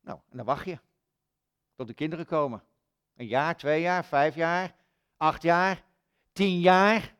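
A man's voice: on the high side, measured pace, pauses often, a bit bright, smooth. A man preaching a sermon in a church, retelling stories conversationally with rhetorical questions.

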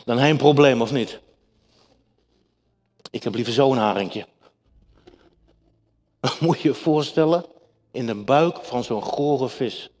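A man's voice: mid-range voice, slow pace, pauses often, a little mellow. A man preaching a sermon to his congregation, emphatic and repetitive, speaking to them directly. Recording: echoey hall with long reverb.

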